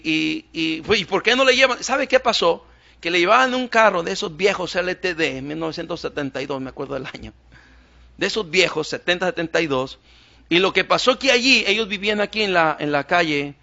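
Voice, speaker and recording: High, bright-voiced pastor. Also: male voice, vocal fry. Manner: storytelling, repetitive emphatic phrasing. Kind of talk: sermon. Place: church. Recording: dull lo-fi church recording.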